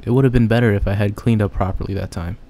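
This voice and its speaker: This young gamer plays casually and chats as he goes, reading the game's text aloud and then joking about it. His voice is lowish, steady and mellow, and he talks fast.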